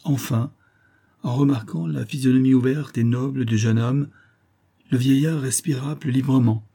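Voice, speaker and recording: A man narrating a classic novel as an audiobook reader, with a steady, measured storytelling delivery. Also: mid-range voice, vocal fry.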